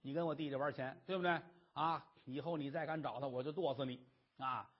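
A man's voice: mid-range voice, steady tone, brisk, slightly rough, pitched below the performer's own voice, close to an everyday voice. A man doing a fierce, bossy aunt. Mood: menacing. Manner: brusque, commanding. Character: fierce, sharp-tongued aunt who threatens with a cleaver. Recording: dull lo-fi recording.

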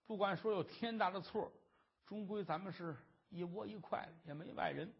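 A storyteller voicing a kind younger brother, a convict under escort, gently coaxing his brother, on a dull lo-fi recording. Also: sits high, moderate pace, vocal fry, slightly rough, heavily acted. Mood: gentle.

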